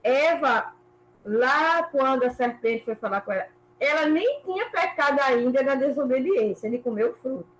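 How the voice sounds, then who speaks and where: A woman in a church book club, thinking aloud in an animated way about a passage over a video call. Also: high-pitched, moderate pace, rough recording. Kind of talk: casual group discussion. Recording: faint background noise.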